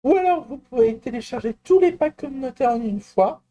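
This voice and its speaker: A man presenting a screen-recorded software walkthrough, talking in a hesitant, explanatory way with frequent fillers and restarts and personal asides. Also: extremely high pitch, animated, fairly quick. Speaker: tutorial presenter.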